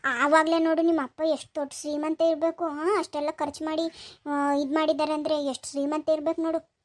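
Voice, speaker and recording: Young woman vlogger, high voice, chatty village tour. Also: level tone, fairly quick. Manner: chatty, addressing viewers as friends. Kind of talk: comic village vlog.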